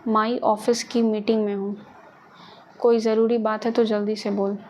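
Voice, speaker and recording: A woman voicing a busy mother who answers the phone in a snappish, hurried way. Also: mid-range voice, little pitch movement, darkish tone, muffled recording, a little hiss or hum, natural voice. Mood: irritated.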